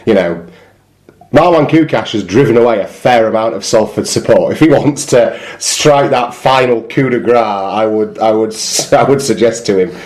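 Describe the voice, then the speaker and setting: A man's voice: fairly low pitch, expressive, normal speed, darkish tone. A man co-hosting a sports podcast, trading dry, wry banter in casual chat. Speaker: podcast co-host.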